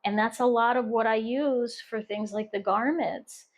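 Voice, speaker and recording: A woman's voice: on the high side, steady tone, a little slow. A middle-aged woman from the United States chatting casually on her crochet vlog, rambling with restarts and fillers. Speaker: crochet vlogger. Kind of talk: casual chat.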